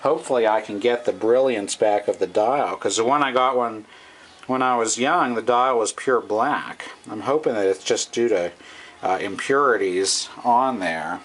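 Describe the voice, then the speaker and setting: In a noisy amateur camcorder recording made with the camera's own mic, a middle-aged man restoring vintage radios as a hobby talks through his work off the cuff, hesitant and thinking aloud. His lowish voice is a bit bright and moves at a moderate pace.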